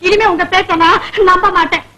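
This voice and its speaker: An actress playing an anxious, naive young wife who frets and pleads in an old film comedy. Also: female voice, extremely high pitch, fairly even intonation, brisk, pushed and bright. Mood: hurt. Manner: fretful, pleading, impulsive. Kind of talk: 1970s Tamil film comedy acting.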